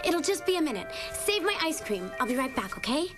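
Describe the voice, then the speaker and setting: An actress playing a sweet, kindly young heroine in an animated film, sunny and reassuring. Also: female voice, high-pitched, brisk. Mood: cheerful, reassuring. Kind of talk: animated film character acting. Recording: film music under voice.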